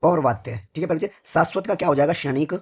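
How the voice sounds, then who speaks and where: A hoarse man teaching a vocabulary lesson for exam preparation, who asks each question, answers it himself, and keeps addressing his students fondly. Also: on the high side, very fast. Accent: North Indian Hindi. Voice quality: husky.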